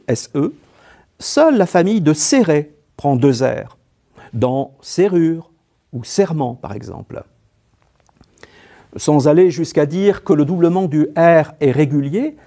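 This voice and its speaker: A man narrating a scripted spelling lesson in a slow, measured way, spelling out letters one by one. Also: fairly high pitch, mellow. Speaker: French spelling teacher.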